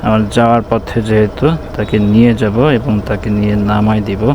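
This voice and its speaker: A man's voice: lowish voice, level tone, brisk. A man with a Bangladeshi accent chatting casually to viewers as a ride-share vlogger, talking from inside a helmet while out on a motorbike. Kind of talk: casual vlog chat. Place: outdoors on a motorbike in city streets. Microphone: camera mounted in the helmet. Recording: clear traffic and vehicle noise.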